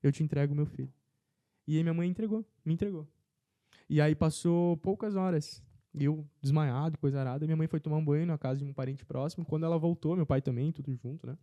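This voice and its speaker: A man telling a personal faith testimony as a podcast guest in casual chat, earnest and animated. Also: fairly high pitch, fast, no room sound, lo-fi sound.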